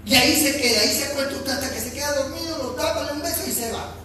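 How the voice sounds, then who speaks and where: A Peruvian man preaching a sermon, emphatic and repetitive, swinging from shouts to soft speech. His voice is high and bright. He is heard from far off in a very echoey church hall with faint ambience. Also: racing, a little hiss or hum. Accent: Peruvian Spanish. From Peru. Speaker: pastor.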